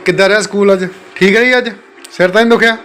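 A young man with a fairly high voice runs a casual family vlog. He talks to his little ones in a doting, coaxing tone and keeps asking whether they agree. A faint hiss sits under the voice. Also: fairly even intonation, fast talker, fairly bright tone. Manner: coaxing, doting talk to his children, often checking "okay?". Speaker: father and family vlogger.

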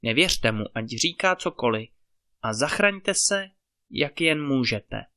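A man's voice: medium pitch, lively intonation, bright, forceful tone. A man reading the part of a brave young boy in a fairy-tale audiobook, speaking earnestly and urgently.

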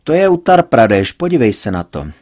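A man's voice: medium pitch, big pitch swings, darkish tone. A man voicing a stubborn, cajoling young adult daughter in a read-aloud story. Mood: coaxing.

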